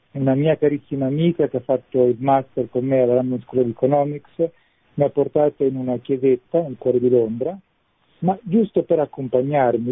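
A man's voice: medium pitch, husky, no echo. A man, a parish priest calling in as a guest, heard over a phone line, telling his story thoughtfully and searching for words with small restarts. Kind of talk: radio call-in testimony. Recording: tinny dry phone line.

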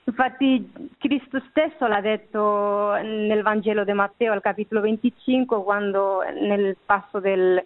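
A woman's voice: mid-range voice, steady tone, unhurried. An Italian-speaking woman gives a reflective personal testimony as a guest, searching for words, in narrow phone-like sound. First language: not Italian. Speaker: interview guest.

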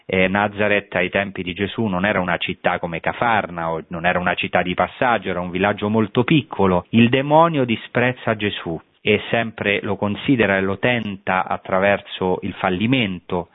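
A man delivers an explanatory Bible lecture, often pausing and hesitating as he searches for the right word. His voice sits on the low side. It comes through dry and narrow, like a tinny radio broadcast. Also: no room sound. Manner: thoughtful, pauses to search for words with many hesitations. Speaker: Bible teacher. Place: on site at a historic holy place. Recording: thin phone-like radio broadcast.

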